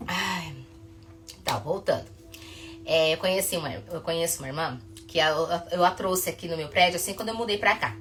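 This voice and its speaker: A woman, a psychotherapist talking casually to camera, telling stories in a chatty way that rushes ahead and then stops herself. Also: lowish voice.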